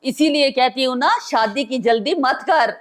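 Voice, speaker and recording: A fond middle-aged mother voiced by a woman in a comedy drama, teasing gently, with a high voice. She sits a little back from the mic. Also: a little slow. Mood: amused.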